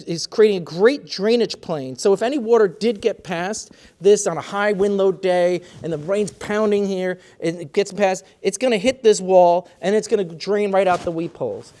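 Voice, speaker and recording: High-voiced man presenting windows. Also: darkish tone. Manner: enthusiastic, technical, with fillers and restarts. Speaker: window company representative. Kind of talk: product presentation.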